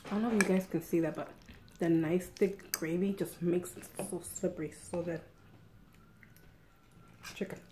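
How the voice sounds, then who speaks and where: A woman's voice: on the low side, fairly even intonation, moderate pace, long pauses, background noise. Chatty middle-aged woman eating on camera. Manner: chatty, eats and talks with mouth full. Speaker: eating show host. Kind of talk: casual chat while eating.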